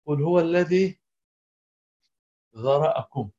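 A man teaching a Quran class, reciting verses in Arabic and explaining word meanings in halting English, often stopping to question his students. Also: a little high, lively intonation, warm tone. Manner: halting, non-native English with restarts. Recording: dull lo-fi recording.

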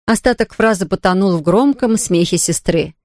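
A woman's voice: mid-range voice, normal speed, darkish tone, dry recording. Fields: woman, storybook narrator, dry sound.

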